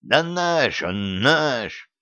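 A man voicing a stubborn old villager who shouts indignantly, in an audiobook reading. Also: mid-range voice, expressive, slow, no echo, muffled recording, voice pushed up.

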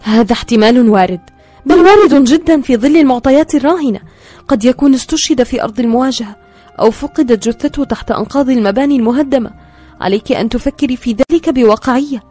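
A woman's voice: medium pitch, steady tone, fast, warm tone, husky, faint music behind, natural voice. A woman reading the part of a frank young woman who earnestly presses her friend. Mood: insistent.

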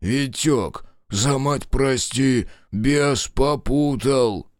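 A man's voice: medium pitch, takes it slowly, a little mellow, smooth, no echo, clean studio sound, lightly acted. A man voicing a frightened young small-time criminal who pleads and stammers in a shaky voice. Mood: pleading. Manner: trembling, pleading, nervous. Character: scared small-time crook in his twenties.

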